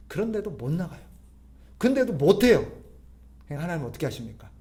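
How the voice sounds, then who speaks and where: A man delivers a sermon in a fairly high, very animated voice. He keeps putting rhetorical questions to his congregation, pushing his stressed points up loud and then letting the answers fall away quietly. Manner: rhetorical questions to the congregation, swinging between loud emphasis and soft drops. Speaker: pastor.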